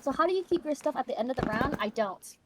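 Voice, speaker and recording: Female co-player, high voice, casual gaming banter, recorded with very noisy background and clicks. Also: expressive, fast talker. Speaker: co-player in online game. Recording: loud noise behind voice, clicks.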